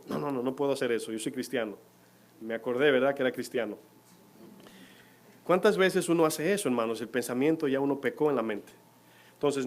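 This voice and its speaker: A man preaching a sermon in church, putting questions to the congregation as he goes. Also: medium pitch. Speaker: pastor.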